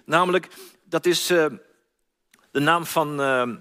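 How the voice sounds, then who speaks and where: A man with a notably high voice preaches, retelling a story and voicing its cries, often repeating himself. His words ring out with the long reverb of a large hall. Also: steady tone, takes it slowly, pushed and bright, smooth. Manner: storytelling, acts out quoted cries, frequent repeats. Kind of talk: sermon.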